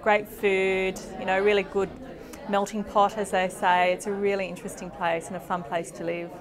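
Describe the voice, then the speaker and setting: A woman's voice: mid-range voice, little pitch movement, moderate pace. Hesitant Australian woman in a crowd. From Melbourne, Australia. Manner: thoughtful, hesitant with ums. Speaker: local parent. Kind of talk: vox pop interview. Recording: street crowd noise behind.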